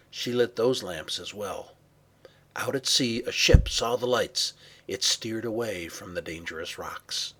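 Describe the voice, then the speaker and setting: A man reading a children's story aloud with expressive, varied pacing and some hushed passages. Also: low-pitched, breathy edge. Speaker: narrator.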